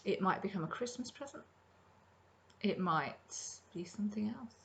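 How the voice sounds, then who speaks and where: Vocal fry colors this middle-aged woman's mid-range, slightly bright voice as she talks at a moderate pace, with a little hiss or hum in the audio. Hosting her crafting podcast indoors from her kitchen, she chats casually and ramblingly about her projects, saying um often.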